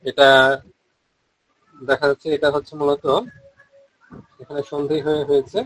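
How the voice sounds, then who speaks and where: Bengali-accented male teacher, fairly high voice, chants syllables slowly and steadily, dry close sound. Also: little pitch movement, no echo, low-quality recording. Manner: explains quickly, then chants syllables slowly and drawn out. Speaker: Vedic recitation teacher. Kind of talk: online pronunciation lesson.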